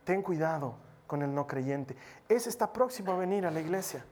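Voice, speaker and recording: A man's voice: a little high, lively intonation, moderate pace, darkish tone, a little hiss or hum. A male preacher exhorting his congregation, illustrating his sermon with personal stories. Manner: exhorting, storytelling with mimicry.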